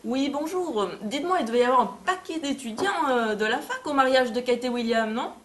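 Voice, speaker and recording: A woman's voice: high-pitched, animated, fairly quick. A woman playing a gossipy caller in a student comedy sketch. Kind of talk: comic sketch acting.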